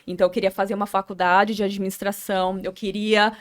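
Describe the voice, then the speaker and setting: A young adult woman with a Brazilian Portuguese accent, a podcast guest telling her personal story earnestly, halting and repeating words as she recalls. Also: mid-range voice, little pitch movement.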